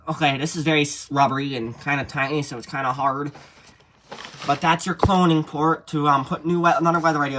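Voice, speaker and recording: His mid-range voice is bright and forceful as this man leads a casual, folksy tutorial, wandering a bit as he demonstrates hands-on. A handheld camera captures it, along with clear background noise and handling clicks.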